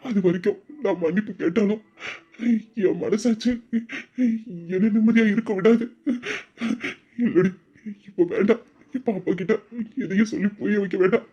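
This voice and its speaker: A man playing a remorseful young man, high voice. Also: breathy edge, dull audio. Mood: quiet resolve. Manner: emotional, confessional, tearful. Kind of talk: Tamil audio drama.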